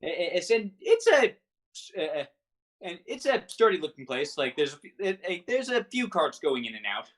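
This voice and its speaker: Tabletop game master, halting delivery, frequent stammers, repeated words, improvised narration. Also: medium pitch, very animated.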